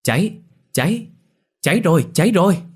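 A jumpy, curious young man in an audiobook ghost story, as a male narrator plays him. He mutters to himself in a deep, low voice and bursts into shouts. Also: a little fast. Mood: alarmed.

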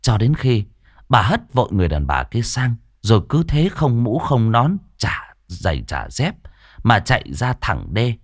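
A man's voice: mid-range voice, measured pace, dry recording. A man narrating a ghost story dramatically. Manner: dramatic, expressive. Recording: dry studio voice with faint music.

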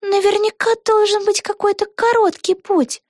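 A woman voicing an excitable young girl witch in a storybook, talking fast and exclaiming eagerly in a very high voice. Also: no room sound, studio quality.

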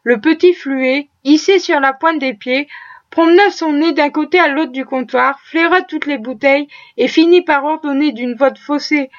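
Woman audiobook reader, high voice, steady measured delivery, muffled lo-fi sound. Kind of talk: reading a classic novel aloud.

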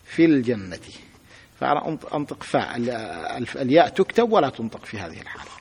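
A man's voice: mid-range voice, big pitch swings, very fast, vocal fry, breathy edge. A sheikh teaching a grammar lesson, patiently repeating examples and asking his students to say them aloud. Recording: long hall reverb.

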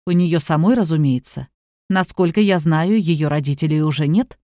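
A woman reading the lines of a calm, authoritative younger man who speaks quietly but firmly. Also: low voice, moderate pace, dry recording, clean studio sound, pitched below the performer's own voice, lightly acted. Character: calm, commanding younger man, protective suitor.

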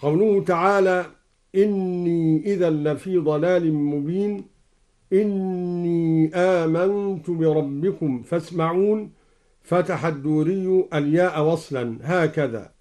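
A man explaining recitation variants in a measured religious lesson on a radio broadcast, speaking slowly and deliberately. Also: fairly high pitch, mellow. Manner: slow, deliberate explanation between recited verses. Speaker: Quran radio scholar explaining readings. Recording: live broadcast from a Quran radio station.

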